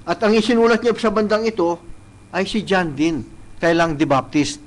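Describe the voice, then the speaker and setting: A male preacher delivering a live church sermon. He mixes Tagalog and English, often checks in with "no?", and reads scripture slowly and deliberately. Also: sits high, expressive, a little hiss or hum, poor audio. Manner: switches between Tagalog and English, tagging points with "no?". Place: church service, streamed live.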